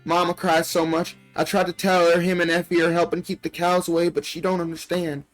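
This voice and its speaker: A man's voice: fairly high pitch, level tone, a little fast, faint music behind, pitched above the performer's own voice, natural voice, low-quality recording. A man voicing a frightened little country girl reading her diary, plaintive and folksy, from a video game. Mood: plaintive, uneasy.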